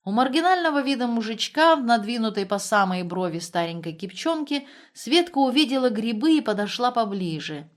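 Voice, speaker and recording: A woman reading a story aloud. Her narration is calm and even, told at a steady storyteller's pace. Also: a little high, a little fast, hardly any pauses.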